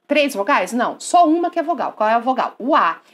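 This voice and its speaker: A woman teaching a grammar lesson online, asking and answering her own questions in a coaxing, lively way. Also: on the high side, a little fast.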